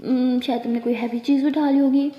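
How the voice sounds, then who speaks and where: A woman narrator putting on a grumpy, self-important elder sister from a storybook, high-voiced and curt. The sound is dull and lo-fi, in a room with a long, echoey tail. She snaps and teases her younger sister's friends. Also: fairly even intonation, brisk, natural voice. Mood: brusque. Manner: brusque, teasing, self-important.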